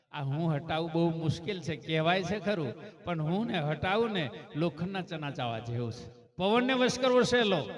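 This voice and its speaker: A man preaching a devotional sermon, telling a religious story and calling out praise cries to his listeners. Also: on the high side. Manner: calls out chanted praise cries between story passages; asks the listeners rhetorical questions.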